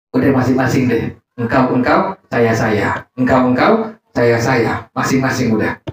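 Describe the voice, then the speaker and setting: A man's voice: mid-range voice, a little hiss or hum. A male Islamic teacher giving a religious study sermon in casual colloquial speech, mixing in Arabic quotations and quizzing his congregation call-and-response style. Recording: echoey distant dull recording.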